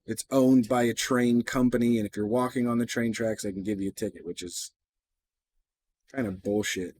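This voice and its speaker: A man's voice: mid-range voice, steady tone, moderate pace, a little mellow, a little hiss or hum. A man hosting a reaction video, chatting casually with skeptical asides and the odd swear word.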